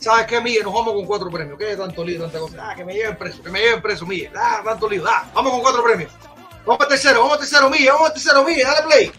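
A man hosting a casual live-stream chat, excitable and exclaiming, often repeating his phrases. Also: very high voice, fast, soft background music. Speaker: podcast host.

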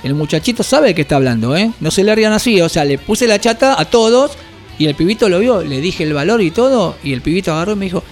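Argentino de unos 50, voz ronca y aguda, cuenta anécdotas con mucha jerga, música bajita de fondo. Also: male voice, high-pitched, fast talker, faint music behind. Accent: Rioplatense Spanish. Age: 50s. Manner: animated anecdotes, slangy, acts out quoted voices. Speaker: guest, record shop owner and metal musician. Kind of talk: casual storytelling interview.

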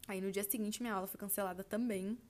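A woman's voice: medium pitch, steady tone, fast, a little mellow. A woman of about twenty, from Brazil, chatting casually on her podcast and telling listeners about her trip, full of fillers. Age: turning 20. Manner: chatty, lots of fillers like "tipo assim", addresses listeners as "gente". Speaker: podcast host.

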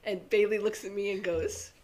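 A woman with a hoarse, congested rasp, co-hosting casually as a giggly, rambling storyteller. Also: medium pitch, fairly even intonation, moderate pace, darkish tone. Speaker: podcast co-host. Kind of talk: casual chatty banter.

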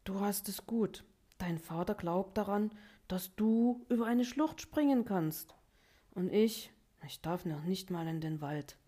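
Woman doing a high eager animal cub. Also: animated, measured pace, dark tone. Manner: eager, pleading, stammering. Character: anxious young male wild animal cub.

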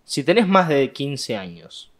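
An Argentine man in casual podcast chat who states blunt, scornful opinions at an ordinary middle pitch. Crowd chatter carries clearly behind his voice. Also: sing-song, a little slow. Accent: Argentine Spanish. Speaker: podcast co-host. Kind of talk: casual chat among friends.

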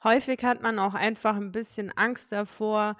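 A young woman telling her own story frankly and lively in a casual conversation. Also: medium pitch, normal speed, dry recording, studio quality. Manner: frank, animated storytelling with laughs.

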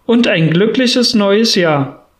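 A man's voice: high voice, expressive, slow. A man reading an audiobook, voicing a cheerful, earnest young man who pleads in a heartfelt way. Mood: pleading.

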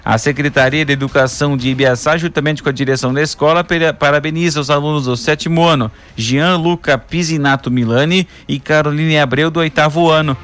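A man reads scripted local news as a presenter, in a formal announcer's delivery with measured phrasing. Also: on the high side, fairly even intonation, a bit bright.

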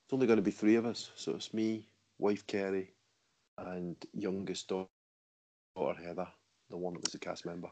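A man with a Scottish accent, chatting casually as a podcast guest in a relaxed, measured way. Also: low-pitched. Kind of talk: casual chat.

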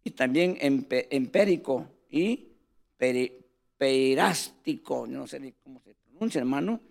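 A man's voice: mid-range voice, lively intonation, a little slow, creaky. A man preaching a sermon, telling stories animatedly and calling his listeners brothers.

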